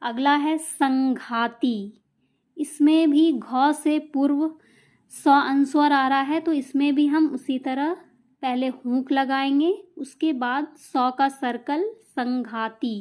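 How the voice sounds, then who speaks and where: A woman's voice: high-pitched, steady tone, takes it slowly, a little mellow. A woman teaching a shorthand lesson, explaining each rule patiently and repeating it with examples.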